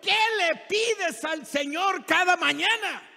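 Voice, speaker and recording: A man evangelist preaching a fervent sermon in a church, shouting his declarations. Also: very high voice, expressive, slow. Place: church sanctuary. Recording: reverberant church hall.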